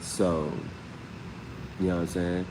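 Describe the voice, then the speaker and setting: Slow and low, with little pitch movement, this man leads a live tarot reading amid background noise. He rambles in a relaxed, conversational way, using "you know what I'm saying" over and over.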